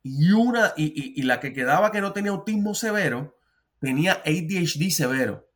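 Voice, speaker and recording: Hombre puertorriqueño, terapeuta, charla informal, voz algo aguda. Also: male voice, on the high side, lively intonation, normal speed, fairly bright tone. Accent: Puerto Rican. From Puerto Rico. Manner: earnest, frequent restarts and stammered repeats. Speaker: therapist. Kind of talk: casual podcast talk.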